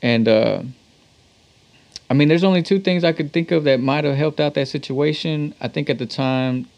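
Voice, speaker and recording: Telling anecdotes in a casual interview, a talk box player from Texas uses laid-back, slangy talk. His voice sits a little high, creaky and slightly mellow, at a moderate pace, and the audio is dull.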